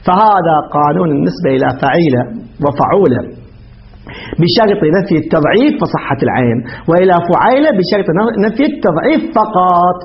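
A man's voice: high-pitched, sing-song, brisk, a little hiss or hum. A man teaching grammar in a lecture, putting questions to his class and answering them himself. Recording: dull lo-fi recording.

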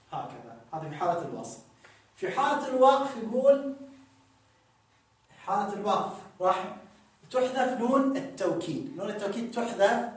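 A man teaching grammar, repeating examples slowly and telling listeners to notice each form. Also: high voice. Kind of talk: explaining grammar rules with examples. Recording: very echoey room, distant mic.

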